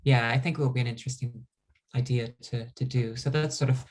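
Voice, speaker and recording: Relaxed chatty author from Iceland. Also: medium pitch, quick pace. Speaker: author interviewee. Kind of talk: casual interview conversation.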